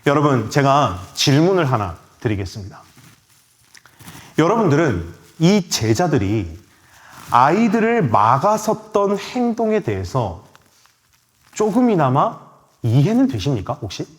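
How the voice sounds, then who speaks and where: Lively-voiced Korean male pastor preaching. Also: unhurried, pauses often. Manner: questions the congregation and answers himself; acts out quoted voices with big pitch swings. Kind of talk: sermon. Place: church sanctuary.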